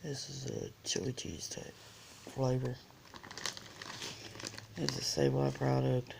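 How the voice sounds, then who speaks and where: Gravelly, slow-talking casual snack reviewer. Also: medium pitch, level tone. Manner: halting, reads item by item with pauses. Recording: noisy room, crinkling bag and clicks.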